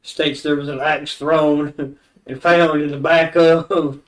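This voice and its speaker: Man acting a formal, halting lord at court. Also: a little high, level tone. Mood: pointed. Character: grave, uneasy lord reading charges at court.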